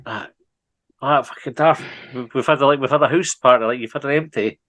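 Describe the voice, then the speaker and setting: A man's voice: medium pitch, a little fast, fairly bright tone, dry recording. Sweary Scottish man, dry close sound. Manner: sweary, rambling, easily breaks into laughter. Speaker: podcast co-host. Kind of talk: casual comedy podcast chat.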